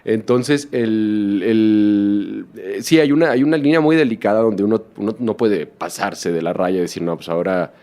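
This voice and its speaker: A man with a fairly low voice talks as an interview guest about his documentary. He speaks in a reflective way, restarting phrases and filling pauses with "eh". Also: darkish tone. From Mexico. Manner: reflective, many restarts and fillers. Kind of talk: casual interview conversation.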